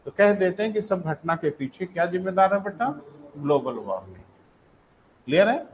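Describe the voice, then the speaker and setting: A man's voice: high-pitched, very animated, normal speed, slight background noise, rough recording. A male teacher giving a live online lecture, dictating notes, asking check questions and calling his students "beta".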